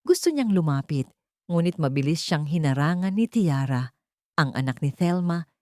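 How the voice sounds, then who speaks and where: A woman narrates a dramatic scripted story in a low, darkish voice with lively intonation at a normal pace. The recording is dry and studio quality.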